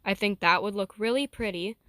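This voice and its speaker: A woman's voice: medium pitch, brisk, fairly bright tone, dry recording, studio quality. A woman giving casual, rambling gameplay commentary, thinking aloud as she builds. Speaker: gaming vlogger.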